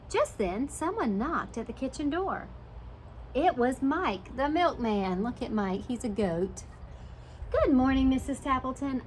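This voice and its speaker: A preschool teacher reads a picture book aloud with dramatic flair, stopping now and then to explain it simply for young children. Her voice sits at medium pitch, and the low-quality recording carries a little hiss or hum.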